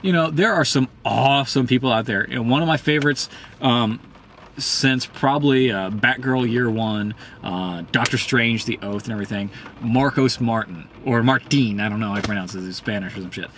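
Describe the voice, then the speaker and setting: A mid-pitched man rants in a casual, heated way, swearing often and filling gaps with ums and uhs. His voice jumps higher when he gets worked up. A faint hiss of noise sits under the recording. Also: moderate pace, a bit bright. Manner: profane, heated, rambling with many ums. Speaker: host. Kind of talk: casual ranting commentary.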